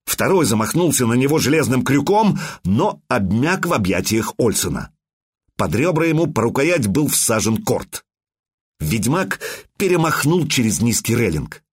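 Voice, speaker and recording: A man narrating an audiobook in an expressive, dramatic reading. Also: mid-range voice, moderate pace, slightly rough. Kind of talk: scripted narration.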